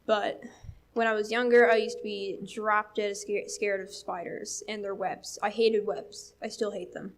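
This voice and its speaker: A young woman with a Newfoundland English accent tells a casual story at church. Her mid-range voice is level and unhurried, and her chatty telling is full of fillers and laughs.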